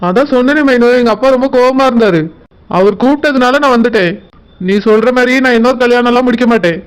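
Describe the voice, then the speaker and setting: A man voicing a gentle young doctor husband in a cartoon, speaking in a calm, coaxing way to his wife. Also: very high-pitched, fast talker, clear, resonant tone, rough recording. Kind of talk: cartoon voice acting.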